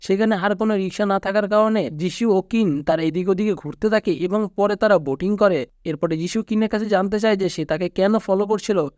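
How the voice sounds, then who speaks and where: A man with a Bangladeshi Bengali accent narrating a movie plot recap in a steady storytelling manner. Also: high-pitched, a little fast, few pauses, no echo, studio quality. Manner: steady storytelling recap, quoting characters flatly. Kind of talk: scripted narration.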